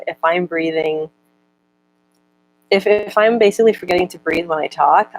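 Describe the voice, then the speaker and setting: In a rough recording, a low-pitched young woman handles viewer comments in a casual chat. Stuttering is common in her speech, with words repeated and syllables broken off, and she reads the comments at a slower pace.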